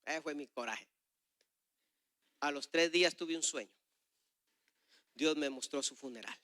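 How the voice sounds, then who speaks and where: A middle-aged man preaching a sermon, telling a personal story with passion, swinging between loud and soft. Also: fairly high pitch, a little slow, dry recording, clean studio sound.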